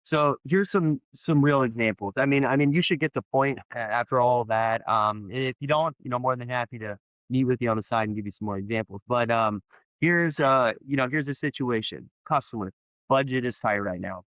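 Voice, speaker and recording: A sales trainer explains a sales technique in a casual video, speaking haltingly with many fillers and restarts. His voice is medium-pitched, with dull audio and no room sound.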